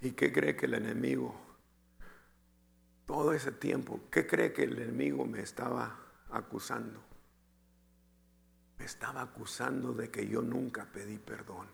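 Man, preacher, emotional testimony sermon, very gravelly, slow, loud to hushed swings. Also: medium pitch, steady tone. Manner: fervent, swinging between loud outbursts and hushed near-whispers; keeps addressing listeners as brother.

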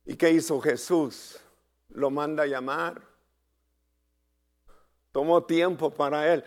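Slow, dramatic male preacher. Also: a little high, steady tone. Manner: slow, dramatic preaching with sudden shouted peaks; asks the congregation for responses. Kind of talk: sermon.

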